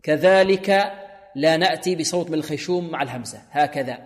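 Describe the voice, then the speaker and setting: On a religious radio broadcast drenched in long reverb, a man gives a tajweed lesson, patiently repeating sounds for students to imitate and chanting short examples. His voice sits a little high and moves a little fast.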